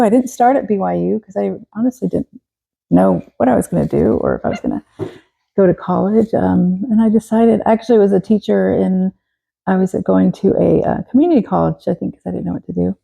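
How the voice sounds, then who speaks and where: A woman in her forties from Texas, a guest telling her story in a relaxed interview, pausing often and restarting. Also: medium pitch, vocal fry, breathy edge, low-quality recording. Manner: hesitant, many fillers and restarts. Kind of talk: casual interview.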